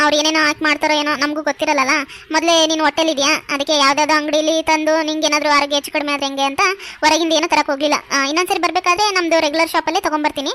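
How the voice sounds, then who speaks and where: A doting cartoon aunt who chatters on and over-explains, as a woman voices her. Her voice is high, bright and quick. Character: fussing middle-aged aunt, doting. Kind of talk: cartoon voice acting.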